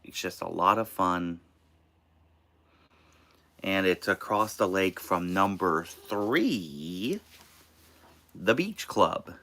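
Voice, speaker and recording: Deep-voiced, slow-talking American man, live-streaming. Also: animated, sharp tone. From Maine, United States. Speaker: host of a live show. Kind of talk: casual live-stream chat with tips. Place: inside an RV.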